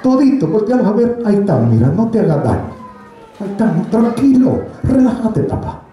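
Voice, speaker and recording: A man's voice: high-pitched, very animated, fairly quick, dark tone, some chatter behind. A man preaching a sermon as pastor, joking and telling stories as he calls his listeners brother. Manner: jokey, storytelling preacher, addresses congregation as brother. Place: church. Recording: echoey church hall.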